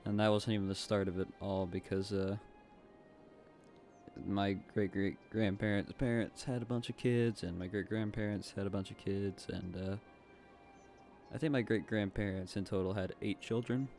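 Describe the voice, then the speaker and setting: A man's voice: lowish voice, fairly even intonation, normal speed, gravelly, darkish tone. A young man from the southeastern United States with a light Southern accent, chatting casually and rambling over his gameplay. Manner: rambling, chatty, with frequent fillers and asides. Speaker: gaming YouTuber. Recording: faint music in the background.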